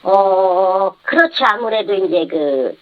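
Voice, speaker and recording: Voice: mid-range voice, lively intonation, takes it slowly. A former travel agency head giving a candid radio interview by phone, with the voice disguised electronically to keep the speaker anonymous. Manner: candid, matter-of-fact, short replies. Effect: voice disguised by electronic modulation for anonymity. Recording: dull lo-fi phone line.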